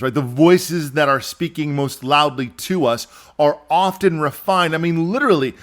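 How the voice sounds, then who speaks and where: Male podcast host, slightly higher voice, exasperated opinionated monologue. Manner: animated, exasperated ranting with mocking impressions.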